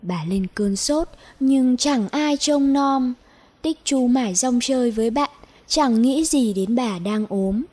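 A woman narrating a children's story in a slow, clear storytelling manner. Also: fairly high pitch, mellow.

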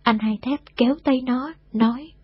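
Brief: woman storyteller, very breathy, dry lo-fi recording. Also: sits high, no room sound. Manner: steady, unhurried storytelling, voices every character. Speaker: narrator. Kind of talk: scripted story narration.

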